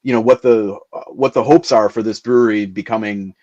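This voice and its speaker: A man with a lowish voice hosts a casual beer show interview. He rambles and restarts his sentences as he sets up his questions. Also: fairly even intonation, fairly quick, dark tone, lo-fi sound. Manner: rambling, many fillers and restarts. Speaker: host.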